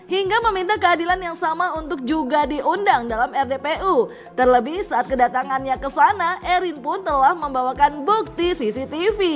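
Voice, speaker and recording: A woman with a high voice reads celebrity gossip news from a script. She keeps it chatty, talking to viewers like close friends, with faint music underneath.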